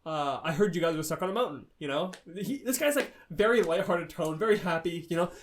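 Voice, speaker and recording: Swearing, fired-up guy with a higher voice. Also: brisk, slight background noise. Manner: heavy swearing, animated retelling. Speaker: podcast co-host. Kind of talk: casual storytelling chat.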